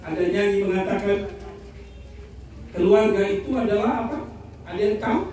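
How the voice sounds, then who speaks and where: High-voiced pastor in an echoey hall. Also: male voice, normal speed. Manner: lively storytelling, asks the congregation for amens. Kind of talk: humorous Christmas sermon. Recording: echoey hall from far off, noisy.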